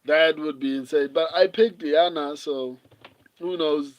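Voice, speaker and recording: Man in his thirties, unhurried, fairly high voice, reads comments aloud with chuckles. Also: fairly even intonation, muffled recording. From South Africa. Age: 30s. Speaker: livestream host. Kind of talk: casual watch-along commentary.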